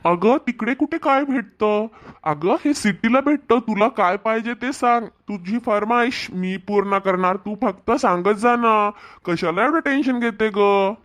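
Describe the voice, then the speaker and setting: A man voicing a scheming, two-timing husband who placates his wife and flatters his girlfriend, with a Marathwada Marathi accent. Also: sits high, measured pace. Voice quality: smooth-talking, placating.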